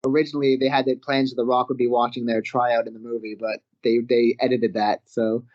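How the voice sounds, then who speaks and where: A man's voice: medium pitch, a little fast. A man with a Canadian accent, a wrestler guest telling stories in a casual interview and often laughing as he talks. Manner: animated, laughs often mid-story. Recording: slightly muffled audio.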